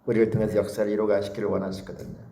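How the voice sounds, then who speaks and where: A man's voice: fairly low pitch, little pitch movement, very fast, dark tone. A man preaching a Sunday sermon as pastor, coaxing the congregation with questions and repeated calls.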